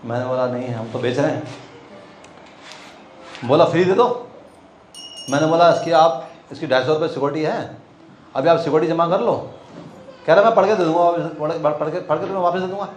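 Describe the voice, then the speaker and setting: Brief: male storyteller, lively and acting out dialogue, roomy hall, faint background noise. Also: a little high, brisk, pauses often. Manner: animated, acts out dialogues, laughs often. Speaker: monk telling book distribution stories. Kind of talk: storytelling talk to a group. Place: temple hall.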